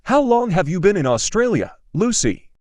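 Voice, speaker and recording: A man reading a polite learner's part in a scripted practice dialogue for English learners, speaking slowly and carefully enunciating each line. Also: high voice, sing-song, darkish tone, no echo, studio quality. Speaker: dialogue reader.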